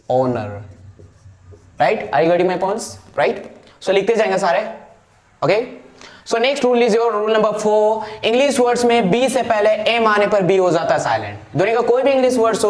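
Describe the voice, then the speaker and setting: A male teacher with an Indian English accent leads a spoken grammar lesson. He repeats every example word and keeps asking the viewer to answer back. His voice rings in an echoey room. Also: high-pitched.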